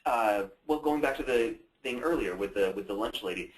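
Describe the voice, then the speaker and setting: A man's voice: medium pitch, lively intonation, moderate pace. A man co-presenting at a conference, telling stories in a conversational way. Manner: storytelling, conversational. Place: presentation hall. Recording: roomy hall sound.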